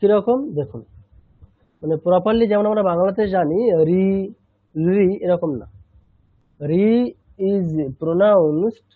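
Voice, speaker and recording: A high-pitched man leads a chanting lesson and patiently repeats syllables for his students. His voice comes through a narrow, tinny line. The sound is close and dry. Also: no room sound. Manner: patient, repeats sounds slowly, mixes in English. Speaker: Sanskrit chanting teacher. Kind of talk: online language lesson.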